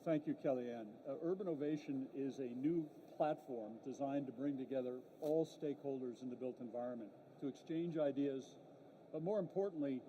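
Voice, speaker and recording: A man co-moderating a panel, giving a concise, businesslike pitch. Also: dark tone, slight background noise. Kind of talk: brief pitch of his platform. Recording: dull lo-fi sound.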